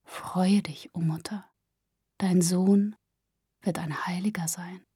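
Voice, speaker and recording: A woman voicing an old hermit who whispers a solemn prophecy in a hushed, low voice, in a storybook reading. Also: fairly even intonation, slow, slightly rough, no echo, clean studio sound, heavily acted.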